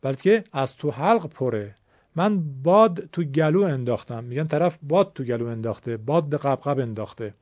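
A man teaching Quranic letter pronunciation on a radio lesson, explaining patiently and demonstrating sounds slowly. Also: medium pitch, animated, darkish tone, no room sound. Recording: dull lo-fi broadcast sound.

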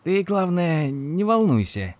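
A man's voice: high-pitched, big pitch swings, slow, a little mellow, pitched above the performer's own voice, heavily acted. A man reading an audiobook, voicing a fussy, solicitous little clerk in a raised voice.

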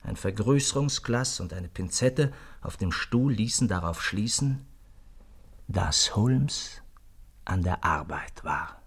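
An actor playing Doctor Watson, a friendly adult companion, narrating and talking in a 1960s German radio play with a slightly hesitant manner. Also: male voice, fairly low pitch, expressive, slow, husky, exaggerated voice.

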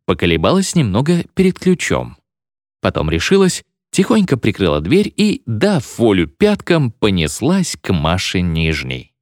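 A man reading a story aloud, expressive and acting out the characters. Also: on the low side, no echo, clean studio sound. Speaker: narrator. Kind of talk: scripted narration of a story.

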